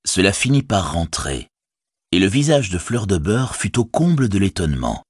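Husky male audiobook narrator. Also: deep voice, sing-song, moderate pace, no room sound, clean studio sound. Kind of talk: scripted narration.

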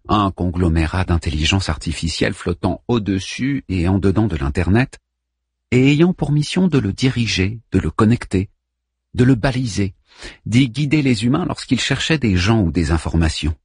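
Husky low-voiced male narrator. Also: dry recording, studio quality. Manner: expressive, varied delivery. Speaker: audiobook narrator. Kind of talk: scripted narration.

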